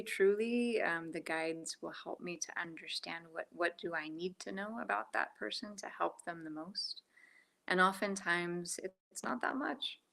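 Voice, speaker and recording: A woman Reiki practitioner talking casually on a phone video call from home, soft-spoken with lots of fillers, sometimes dropping to a whisper. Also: lowish voice, vocal fry.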